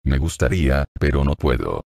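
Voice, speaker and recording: Male narrator voicing a hardened woman agent, dry and mocking, extremely low voice with a dry studio sound. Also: very animated, normal speed, creaky, darkish tone, no room sound, exaggerated voice. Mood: cool, sardonic. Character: Russian woman agent, hardened, sardonic captor.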